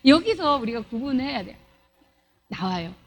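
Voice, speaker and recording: Animated high-voiced woman lecturing. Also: moderate pace, lo-fi sound. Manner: asks the audience questions and acts out sample dialogues. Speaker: church leader-training lecturer. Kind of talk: lively lecture to a church audience.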